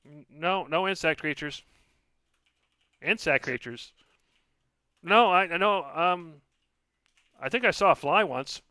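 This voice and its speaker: A man's voice: a little high, animated, takes it slowly, pauses often, pushed and bright, no echo, studio quality, voice pushed up, full character voice. A man voicing a tiny frantic captive being in a tabletop game, jittery and hesitant, repeating itself. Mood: nervous, scatterbrained. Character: tiny frantic captive being trapped inside a glass lily.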